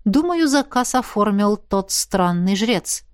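A woman's voice: medium pitch, lively intonation, slow pace, clean tone, no echo, clean studio sound. A woman reading the part of a teasing, commanding male dragon officer with a smug, purring manner.

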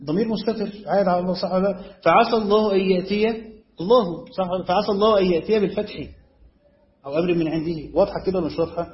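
A man's voice: sits high, rapid-fire. A man with an Egyptian Arabic accent teaching as a sheikh, explaining a text step by step and often checking whether his students follow. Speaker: sheikh teaching Quran commentary. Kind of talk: classroom lecture on a text. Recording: echoey room, dull lo-fi sound.

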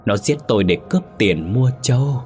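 Man doing the ghost of an older husband, deep low voice, pleading, weeping, ghost-story reading. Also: lively intonation, moderate pace, darkish tone, faint music behind, lightly acted. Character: ghost of a murdered older village husband, pitiful.

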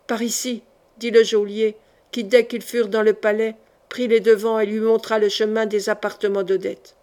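A woman reading a historical novel aloud as an audiobook narrator, with dramatic, steady storytelling. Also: mid-range voice, moderate pace.

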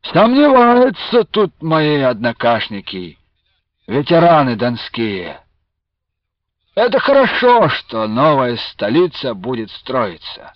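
A man reading aloud, doing an old Cossack with a high, squealing, obsequious voice that bows and scrapes as it complains. The sound is dull and lo-fi like an old radio broadcast, with a dry, close feel. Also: wildly swooping pitch, takes it slowly, dry recording. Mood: fawning complaint. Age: older.

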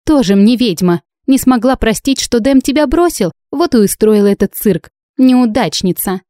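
Woman voicing a loud, brash young heroine. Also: on the high side, lively intonation, moderate pace, no room sound, studio quality, pitched above the performer's own voice, close to an everyday voice. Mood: indignant. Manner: loud, indignant, mock-innocent.

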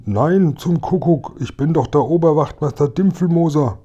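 A high, huffy police sergeant calls out pompously for help, voiced by a man reading a children's storybook. The voice stays mellow and a little husky. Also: moderate pace, dull audio. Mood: indignant. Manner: shouting for help, indignant and officious. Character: police sergeant locked in a shed, pleading.

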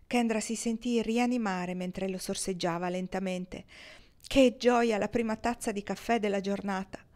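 A woman's voice: mid-range voice, steady tone, normal speed, a little mellow. Woman reading a novel aloud. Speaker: audiobook reader. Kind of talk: audiobook narration.

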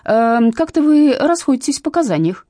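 A woman's voice: sits high, big pitch swings, moderate pace, warm tone, dry recording, studio quality, pitched above the performer's own voice. A woman voicing a stern, sarcastic female police captain who barks her questions. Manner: curt, barking, mocking.

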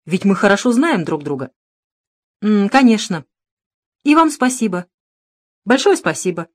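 A woman's voice: medium pitch, sing-song, measured pace, no room sound, pitched above the performer's own voice. A woman voicing a frightened, blustering middle-aged male swindler in an audiobook, in a whiny, defensive tone. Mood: fawning. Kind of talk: audiobook narration.

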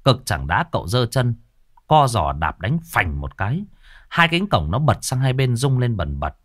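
A man narrating a ghost story in an earthy, colloquial, expressive way. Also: mid-range voice, moderate pace, no room sound, faint music behind.

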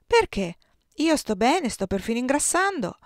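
A woman reading the part of a headstrong young wife, speaking quickly and emphatically in a dry recording. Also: high-pitched, big pitch swings, no echo, voice pushed up. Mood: protesting.

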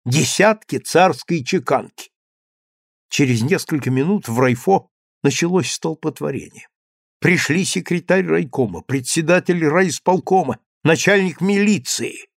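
A man reading a novel as an audiobook narrator, in measured, deliberate storytelling phrases with a dramatic touch. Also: fairly high pitch, lively intonation, vocal fry, no echo, studio quality.

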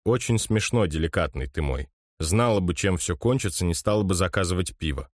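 A man reading an audiobook voices a wry, sharp-tongued young woman with a teasing tone. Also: low voice, a little fast, no room sound, studio quality. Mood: sarcastic. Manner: teasing, sarcastic.

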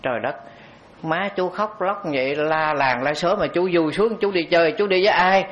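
During a dharma talk, a Buddhist monk with a slightly high voice for a man tells a story at normal speed. He speaks conversationally and addresses the audience directly. The recording is dull and lo-fi, with slight background noise.

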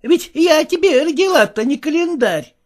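A woman reading a story aloud, voicing a sharp, coarse old mother scolding her grown daughters. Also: sits high, expressive, moderate pace. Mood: scornful. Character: scolding old widowed mother of two spinsters. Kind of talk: audiobook character voice.

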